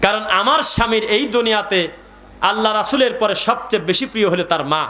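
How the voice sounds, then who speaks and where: A Bangladeshi man delivers a sermon at a religious gathering. His voice sits high and sounds bright and cutting. He keeps quizzing the listeners and drops into recited Arabic verses. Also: brisk. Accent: Bangladeshi Bengali. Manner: call-and-response with the crowd, reciting Arabic verses. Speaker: preacher.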